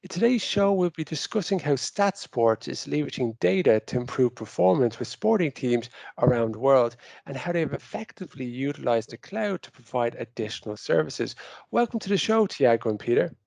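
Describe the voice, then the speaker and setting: A male podcast host with a gravelly edge to his mid-range voice. He sounds upbeat and keen, and the sound is dry and close. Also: medium pitch, lively intonation, a little fast, darkish tone, dry recording. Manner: upbeat, enthusiastic interviewer. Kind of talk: podcast interview.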